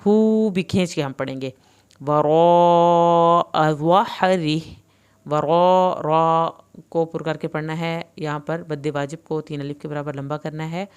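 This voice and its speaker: A woman with an Urdu accent teaching tajweed, alternating clear explanations with slow, drawn-out recitation. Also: low voice, a little mellow.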